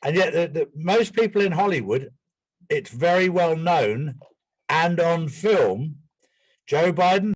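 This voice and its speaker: A man's voice: fairly high pitch, expressive, slow, husky, no room sound. A man joining a casual commentary chat, speaking earnestly and readily agreeing with the others.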